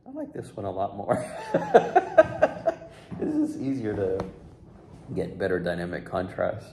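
A young man in his twenties, a flute restorer, talking casually to the camera about his work in a relaxed way with fillers. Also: sits low, takes it slowly. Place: sunroom with large windows, indoors. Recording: echoey room with faint background noise.

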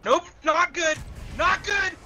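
Bright, high-pitched young gamer. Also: slow, soft background music. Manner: excitable, yelps and swears in alarm. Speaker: gamer in voice chat. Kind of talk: casual gaming banter.

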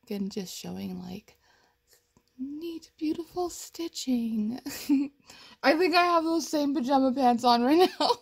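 A woman's voice: high-pitched, animated, slow pace, creaky. A young woman chatting casually through her cosplay progress photos, rambling and laughing, her voice cracking a little. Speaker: cosplay vlogger. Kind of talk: casual chat. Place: home, at her computer.

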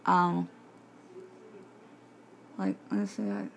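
A woman in her twenties or thirties chatting casually to camera in a halting, rambling way, her speech slightly impeded by a bite splint wired in her mouth. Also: on the low side, animated, vocal fry, rough recording. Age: 20s to 30s. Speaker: vlogger showing jaw surgery recovery. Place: home kitchen. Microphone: phone at arm's length. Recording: faint background noise, handheld device.

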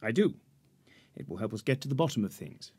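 An actor playing a pompous, fussy middle-aged lawyer in a period radio drama, formal and precise about legal procedure. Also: male voice, on the low side, very animated, brisk, warm tone, husky, heavily acted. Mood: stern. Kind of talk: 1940s-set radio drama acting.

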